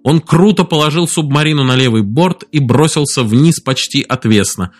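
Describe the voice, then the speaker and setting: Male narrator, measured audiobook delivery, faint music underneath. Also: medium pitch. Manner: steady, measured storytelling.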